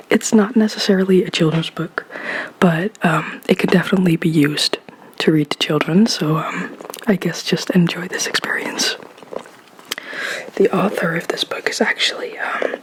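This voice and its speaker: An ASMR host whispering and speaking softly into a close microphone covered with a sock, rambling and giggly, often stumbling over words. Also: mid-range voice, poor audio. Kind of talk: ASMR whispering and soft-spoken talk.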